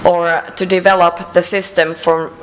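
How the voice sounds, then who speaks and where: Finnish-accented woman giving a measured talk. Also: lowish voice, little pitch movement, slight background noise, rough recording. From Finland. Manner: measured, with frequent hesitations and fillers. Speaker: conference speaker. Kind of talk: conference presentation. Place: conference hall.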